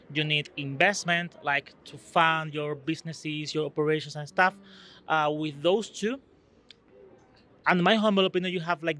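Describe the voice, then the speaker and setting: An earnest man from Spain, a guest who is an EU delegate, answers interview questions conversationally. His fairly high voice is pushed and bright, and he searches for words, using non-native phrasing.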